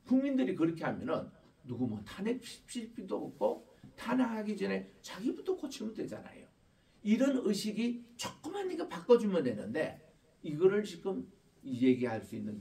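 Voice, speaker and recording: A man's voice: sits high, warm tone. Male pastor preaching from a distance. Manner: conversational, explaining with questions and quoted children. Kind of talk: Christmas sermon.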